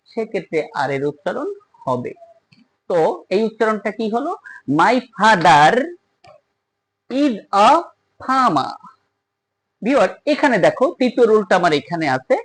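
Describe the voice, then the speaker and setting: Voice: mid-range voice, rough recording. Patient teacher repeating rules to viewers. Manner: repetitive, patient, addresses viewers directly. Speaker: English teacher. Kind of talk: explaining pronunciation rules to viewers.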